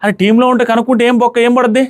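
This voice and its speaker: A man's voice: very high voice, flat delivery, very fast. A young man giving casual, opinionated commentary as a reality show reviewer, emphatic and full of rhetorical questions.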